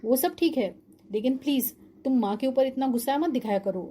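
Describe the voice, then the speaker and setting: A woman's voice: sits high, lively intonation, fairly quick, dark tone, slightly rough. A woman voicing a grown son and husband in a cartoon-style family drama, reasoning and reproachful with his wife.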